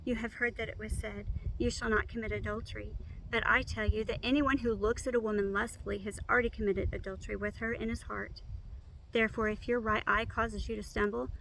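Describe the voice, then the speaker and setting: A woman reciting memorized scripture by rote, in measured, complete phrases. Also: a little high, creaky, a bit bright, slight background noise, poor audio.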